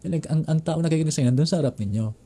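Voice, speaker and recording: A man giving a relaxed talk with practical tips on preaching, speaking in a conversational way that repeats words and phrases. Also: a little high, rapid-fire, breathy edge. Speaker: preaching instructor.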